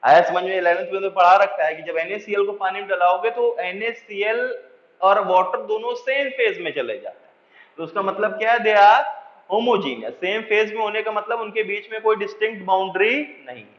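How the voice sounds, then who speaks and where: A man teaching a chemistry class, often asking if students have understood and slowing down to dictate definitions. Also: high-pitched, reverberant, long reverb tail, dull audio. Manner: keeps checking understanding with repeated questions; mixes in English phrases, slows to dictate definitions. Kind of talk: classroom lecture.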